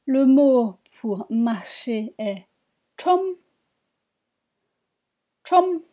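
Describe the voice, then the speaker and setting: A woman teaching a reading lesson, spelling out syllables one by one and repeating each word slowly. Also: on the high side, warm tone. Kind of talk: slow spoken language lesson.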